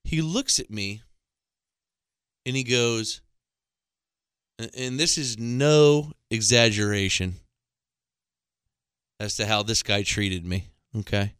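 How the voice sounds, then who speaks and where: A man's voice: fairly low pitch, slow, long pauses, a bit bright, smooth, no echo, clean studio sound. A man in his thirties telling a rambling, exasperated comic story into a microphone, with self-mocking asides. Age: 30s. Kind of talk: comedic monologue. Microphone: studio microphone.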